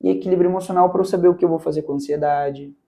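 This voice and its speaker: A man's voice: high-pitched, fairly even intonation, very fast, vocal fry, mellow. A Brazilian man mentoring on public speaking, talking emphatically in a casual interview and often tagging his points with "cara" and "né". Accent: Brazilian Portuguese.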